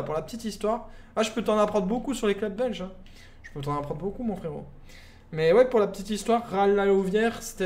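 A young man with a Belgian French accent, casually commentating a live football game stream and joking with chat. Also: high voice. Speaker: gaming streamer. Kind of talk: live gameplay commentary, chatting with viewers.

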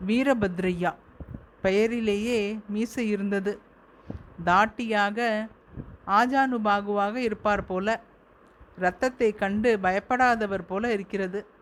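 A woman reading a short story aloud in a measured, deliberate way. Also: medium pitch, fairly even intonation, slight background noise, poor audio. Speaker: story reader.

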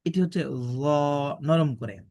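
A man teaching Quran letter pronunciation, stating each letter slowly and carefully, then repeating it. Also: mid-range voice, expressive, gravelly, dark tone, breathy edge, no room sound. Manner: drawn-out, deliberate modeled pronunciations.

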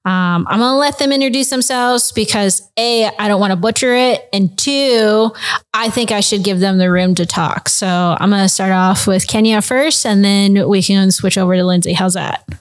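A woman hosts a podcast in a casual, upbeat way. Her voice sits at a middling pitch, and she keeps tossing in "like" and "right?" as she talks. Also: normal speed. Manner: upbeat and chatty, with lots of "like" and "right?". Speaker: podcast host.

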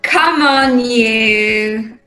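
A woman's voice: a little high, extremely slow, sharp tone, faint music behind, exaggerated voice, rough recording. A woman playing a fussing, coaxing British mother in a rehearsed script reading over a video call. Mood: brisk, cheery. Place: small room at home, video call.

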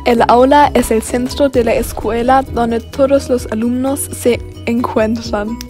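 Young woman, slightly high, voice-over with music. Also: steady tone, normal speed, darkish tone. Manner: reading a school tour text. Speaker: student narrator. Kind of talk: scripted voice-over narration.

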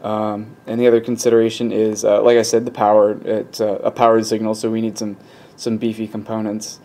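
Speaking fairly quickly with a lowish male voice, this electronics hobby channel host rambles hesitantly through a casual technical explanation, working things out aloud at his indoor workbench. The audio comes from a handheld camera mic behind the lens, carrying a steady static hiss, while a speaker nearby plays radio static.

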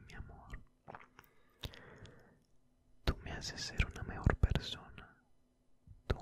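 A man in his twenties in a whispered role-play as a loving boyfriend, breathy, tender and intimate, close to the microphone. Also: very high voice. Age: 20s. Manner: slow, tender, repetitive, intimate. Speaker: ASMR performer. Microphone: close studio microphone, headphones on.

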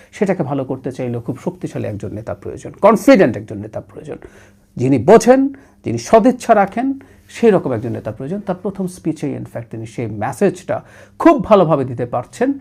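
Middle-aged male political commentator, analytical and animated. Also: on the high side, brisk, breathy edge. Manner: analytical, mixes English words and phrases into Bengali.

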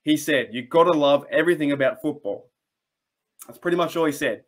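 Sitting in a small home room with a desk mic, a young Australian sports channel host gives casual fan commentary to camera about his team. His voice is on the high side and fairly quick, and he's enthusiastic, frequently restarting sentences and wandering off on tangents.

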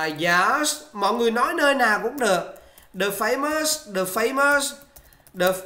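An English exam tutor giving a casual spoken lesson: chatty and encouraging, full of filler sounds, and slowing right down for model answers. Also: medium pitch, pushed and bright. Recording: roomy, echoey recording.

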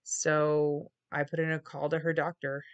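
A woman's voice: low voice, monotone, a little slow, dull audio. A middle-aged woman speaking casually and candidly to camera, weary and reflective. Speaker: vlogger. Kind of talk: casual confessional vlog talk. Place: small wood-paneled room indoors.

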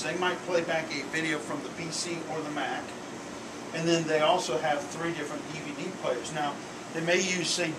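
A man who works as an AV installer, calmly explaining the equipment step by step. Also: fairly high pitch, noisy background. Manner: matter-of-fact, explains step by step. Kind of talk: technical explanation.

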